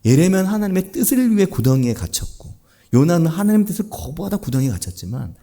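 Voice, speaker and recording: A man preaching a Sunday sermon as pastor, posing rhetorical questions and swinging between hushed low asides and raised, emphatic lines. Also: very animated, quick pace.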